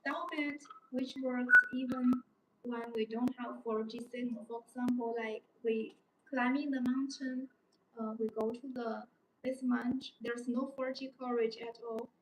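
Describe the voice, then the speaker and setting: Speaking unhurriedly in a high-leaning voice with a steady tone, a young non-native English-speaking woman hosts a live-stream product demo that is unscripted and repetitive. The indoor showroom studio has a desk and backdrop, and the distant mic gives a roomy sound with background noise.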